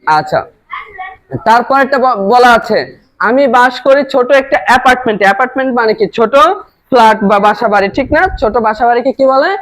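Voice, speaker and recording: A woman teaching an English class in a school classroom, repeating phrases slowly and calling out loudly to drill the students' pronunciation. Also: a little high, rough recording. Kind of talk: classroom lesson.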